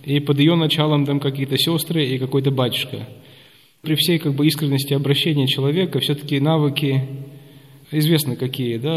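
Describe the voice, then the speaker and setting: A middle-pitched man in his fifties from Russia, an Orthodox priest, talks through his memories in an interview. He rambles from anecdote to anecdote and pauses often on hesitant filler sounds. His voice rings out with a long reverb tail, as in a large hall. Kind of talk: interview storytelling.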